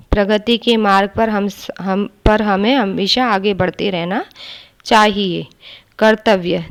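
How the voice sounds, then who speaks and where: A woman teaching a children's grammar lesson, patiently spelling out words letter by letter and often adding a quick check-in question. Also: medium pitch, gravelly. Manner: often adds tag questions.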